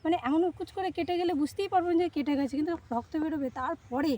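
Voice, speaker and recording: A woman's voice: high-pitched, very fast, warm tone, a little hiss or hum. Young woman vlogging from a rice field. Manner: chatty, talks straight to viewers while working. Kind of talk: casual vlog narration. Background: faint rural outdoor ambience, birds.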